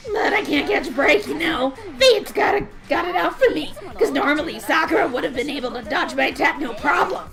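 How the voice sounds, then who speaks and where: A woman voicing a manic, giggling, murderous teenage girl alter ego, shouting and cackling through her lines over game music. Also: sits high, lively intonation, a little fast, gravelly, hardly any pauses. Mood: gleeful.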